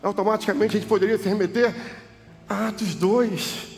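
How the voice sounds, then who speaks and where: Brazilian pastor preaching in a reverberant hall. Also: male voice, sits high, fairly even intonation, normal speed, vocal fry. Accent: Brazilian Portuguese. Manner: preaching with big swings from loud cries to soft hushed tones. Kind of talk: sermon. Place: church hall. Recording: church hall reverb with music behind.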